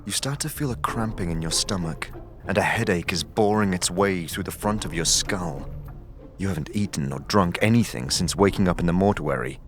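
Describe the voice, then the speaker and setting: Here a man with a low voice, at a moderate pace, performs dramatic scripted narration for an audio story. His role is narrator and game master, and clear music plays in the background.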